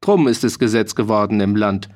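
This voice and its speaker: A man's voice: fairly low pitch, fairly quick, darkish tone, lightly acted. A man voicing a boastful, jolly mercenary soldier in an audiobook reading, hearty and bragging. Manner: hearty, bragging, dialect-heavy.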